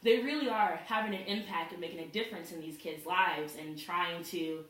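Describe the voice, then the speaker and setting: A woman's voice: lowish voice, normal speed, fairly bright tone. A young woman, a student, giving a casual introduction speech to her class, with fillers like "like" and "you know". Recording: echoey room, mic far off.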